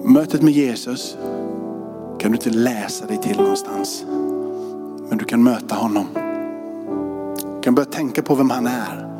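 A man's voice: medium pitch, pauses often. A male pastor leading a closing prayer and telling a story in a church service, speaking with a fervent, repetitive cadence. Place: church sanctuary. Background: music playing under the voice.

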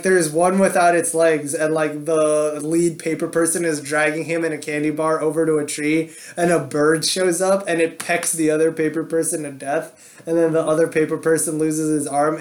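A man with a slightly high voice chatting casually as a podcast co-host. He rambles, piling on fillers and restarts as he tells a story. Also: level tone, moderate pace. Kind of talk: casual chat.

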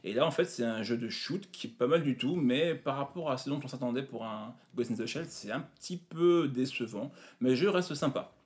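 A man presenting retro video games in a casual chat, pausing often with fillers. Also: mid-range voice. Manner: hesitant, many fillers. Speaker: game presenter.

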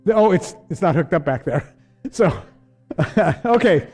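Breathless high-voiced pastor, older man. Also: animated, unhurried, darkish tone, slightly rough, faint music behind. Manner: chatty, self-deprecating, laughs often. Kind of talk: casual sermon. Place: church sanctuary.

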